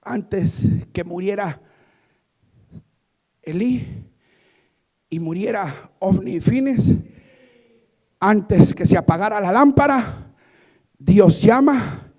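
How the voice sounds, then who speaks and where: A man with a very high, gravelly voice preaching a fiery sermon as a pastor. He drops to near-whispered asides, then builds to shouted peaks. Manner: swings from quiet asides to shouted climaxes.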